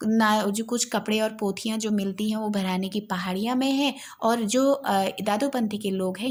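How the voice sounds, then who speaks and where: A woman teaching a literature lesson for exam preparation. She explains patiently, repeats key points, uses frequent fillers, and recites verses slowly and carefully. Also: mid-range voice, a little mellow. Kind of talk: exam-focused lecture.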